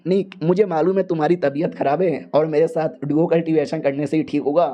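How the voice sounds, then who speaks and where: A man's voice: fairly high pitch, steady tone, a little fast, dark tone, natural voice. A man playing a shameless young male cultivator hero who teases and coaxes with cocky jokes. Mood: teasing. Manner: teasing, coaxing, cocky. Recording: dull lo-fi sound.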